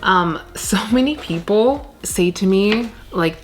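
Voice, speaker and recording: A Canadian plant vlogger chats casually while repotting plants at home, rambling with plenty of fillers. Her medium-pitched voice moves slowly with lively intonation, and a faint hiss or hum sits under it. She's filmed in medium framing by a camera on her desk, in an indoor plant room lined with shelves of plants.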